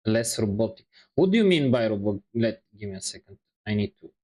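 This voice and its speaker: A man's voice: on the low side, very animated, a little fast, a little mellow, poor audio. Rambling, sheepish male streamer. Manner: rambling, self-deprecating, sheepish. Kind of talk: casual chat on a live stream. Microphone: wireless lapel microphone.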